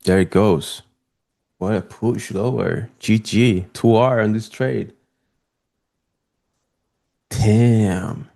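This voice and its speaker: Speaking to his stream audience, this young man from Spain reacts to live trades in an excitable, casual way, his Spanish accent clear. He talks extremely slowly in a creaky, lowish voice, leaving long pauses.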